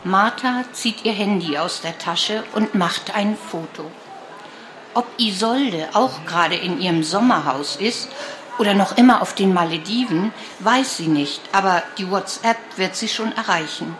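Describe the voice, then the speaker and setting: Slow, calm woman reading a story aloud. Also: medium pitch, background noise. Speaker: reader. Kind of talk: reading a children's book aloud.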